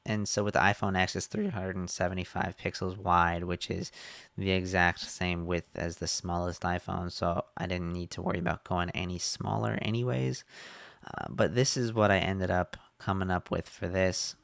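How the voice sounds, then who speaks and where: A man explaining his website design in a casual screen-share walkthrough, relaxed with fillers, a little hoarse as he is losing his voice. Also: low-pitched, moderate pace, dry recording. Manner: relaxed, many fillers and restarts.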